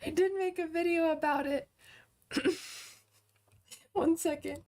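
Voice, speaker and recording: A woman's voice: very high voice, steady tone, takes it slowly, a little mellow. A woman in her twenties hosting a casual livestream, chatting upbeat with viewers, full of fillers and restarts. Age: 20s. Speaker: livestream host and online course teacher. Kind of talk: casual livestream chat, answering viewer comments.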